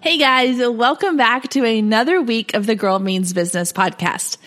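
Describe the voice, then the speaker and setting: A woman's voice: a little high, moderate pace, a bit bright, faint music behind. A woman hosting a podcast in chatty, upbeat, informal talk, her voice scratchy and cracking from a sore throat. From Texas, US South. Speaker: podcast host. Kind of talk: casual solo podcast talk.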